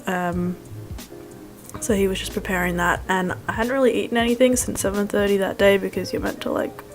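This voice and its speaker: A woman's voice: mid-range voice, steady tone, brisk. A young woman doing a casual vlog voice-over in a rambling, wry, self-deprecating way with slangy phrasing. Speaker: food vlogger. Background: music.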